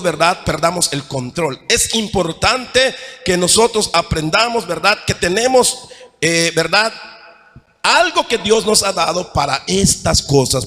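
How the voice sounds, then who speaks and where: Preaching a sermon from the pulpit, a Mexican pastor speaks in a high, bright register. He alternates near-shouted, emphatic points with softer asides while repeatedly checking in with the congregation, and his voice trails off in long echoes through the church hall.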